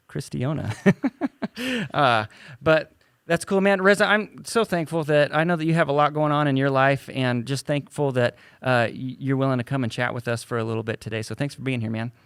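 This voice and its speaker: A man co-hosting a church podcast in casual, animated chat, laughing often. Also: mid-range voice, a little fast, clean tone, no echo, studio quality. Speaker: podcast co-host.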